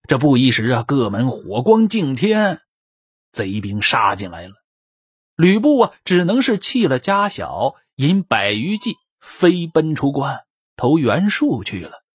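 A man telling a traditional historical tale, animated, swinging between loud exclamations and quiet asides. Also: medium pitch, unhurried, breathy edge, no echo, studio quality. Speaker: storyteller. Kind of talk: traditional Chinese storytelling.

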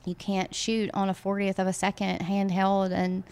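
A Southern American woman near forty talks casually in an interview, easygoing and full of "you know" and "um". Her voice is smooth and clear, pitched in the middle for a woman. She explains her work as a wedding photographer. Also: completely flat delivery, moderate pace, darkish tone. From Mississippi. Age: late 30s. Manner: chatty, many fillers and "you know".

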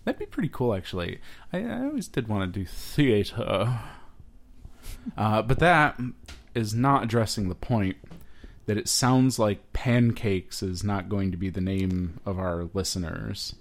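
Low-voiced man, halting casual podcast talk. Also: lively intonation, creaky. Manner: hesitant, halting, joking. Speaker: podcast co-host. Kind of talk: casual chat.

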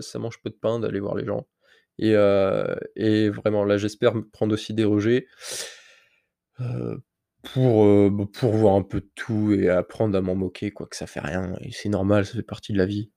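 On his own podcast, a man who has a slight cold rambles candidly through a personal story, speaking directly to the listener in a casual solo monologue. The voice is fairly low and mellow with vocal fry, recorded at studio quality with no room sound.

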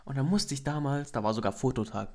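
A young man talks quickly in loose, casual chat. His speech is slangy and peppered with swearing as he spins everyday anecdotes. His pitch sits at an ordinary middle. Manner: slangy, storytelling, swears with "Alter".

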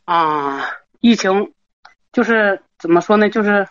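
A woman's voice: mid-range voice, lively intonation, a little slow, dry recording, dull audio. A middle-aged woman, calling in to an advice show and rambling nervously with many restarts. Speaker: caller. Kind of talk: call-in advice talk.

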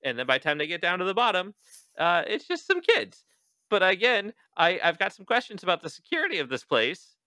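A man hosting a podcast, casually recapping a book in an animated, joking way, cursing freely and acting out quoted lines. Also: high-pitched, brisk, no room sound, studio quality. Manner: animated, profane, joking, with exaggerated quoted voices. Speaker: podcast host.

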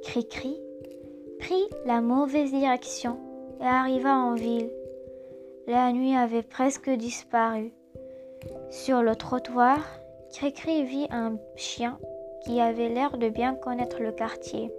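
A storyteller gently reading a children's story aloud, over background music. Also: medium pitch, steady tone, slow. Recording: music bed behind voice.

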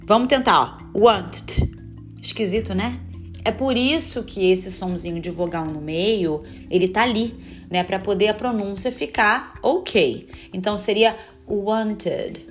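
A woman, a native Portuguese speaker, patiently explaining English pronunciation step by step in a video lesson, drawing out each sound slowly. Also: medium pitch, faint music behind. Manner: demonstrates sounds slowly and carefully. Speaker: English teacher.

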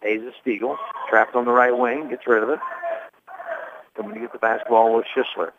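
A man doing radio play-by-play of a basketball game, calling plays fast and reading sponsor spots. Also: medium pitch, flat delivery, background noise. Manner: rapid calls with read sponsor spots. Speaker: play-by-play announcer. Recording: tinny phone-like radio broadcast.

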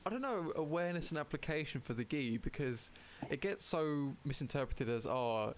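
A man's voice: fairly high pitch, expressive, a little fast, slight background noise. A man hosting a casual chat, asking questions hesitantly with many fillers. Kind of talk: casual conversation.

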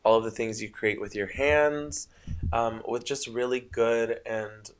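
A young man whose first language is Spanish rambles about spiritual ideas on a casual solo podcast late at night, often tripping over his words. His voice is medium-pitched, smooth, and unhurried, with fairly even intonation.

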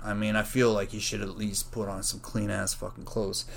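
A man's voice: on the low side, little pitch movement, normal speed, creaky. A man, a college student, telling a story in a casual, rambling, profane way, full of "like" and "you know". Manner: rambling, profane, self-correcting; frequent fillers like "like" and "you know".

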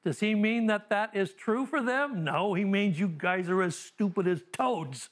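A man with a high voice delivers a classroom Bible lecture. He talks conversationally, full of fillers and dry humor, and sounds middle-aged. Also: unhurried. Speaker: Bible teacher.

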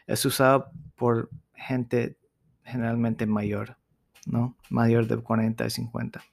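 A man with an American accent in Spanish hosting a podcast as a casual explainer, haltingly searching for words. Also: medium pitch, vocal fry. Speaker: podcast host.

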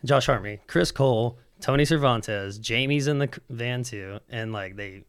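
A man's voice: medium pitch, normal speed, clean tone. A man from Alabama, a skateboarder guesting on a podcast, telling stories in casual, profane chat and acting out what his friends said. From Alabama, USA. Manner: profane, animated, acts out quotes of friends.

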